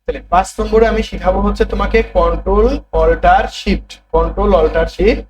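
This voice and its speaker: A man's voice: sits high, fast, low-quality recording. A man teaching a computer class, repeating terms and prompting students to say them back. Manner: repetitive, drilling students to answer back. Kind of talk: classroom lesson.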